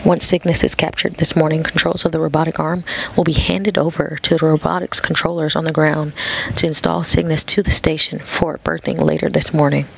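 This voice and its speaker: Male live mission commentator, fairly high voice with heavy gravel. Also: level tone, a little fast, a little hiss or hum, low-quality recording.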